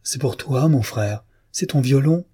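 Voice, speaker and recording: A man voicing an excited young man who has made a gift for his brother, in a storybook reading. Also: medium pitch, normal speed, breathy edge, pitched above the performer's own voice, natural voice. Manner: eager, bursting with joy. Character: young man, fervent proud inventor brother.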